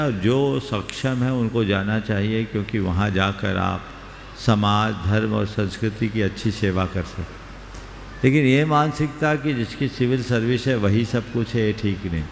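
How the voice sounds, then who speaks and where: A low-pitched man speaks as a monk, answering questions in a spiritual discourse. His measured, advisory words carry long reverb through a large roomy hall, with faint ambience behind. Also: gravelly, a little hiss or hum. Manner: measured, advisory, gives brief counsel.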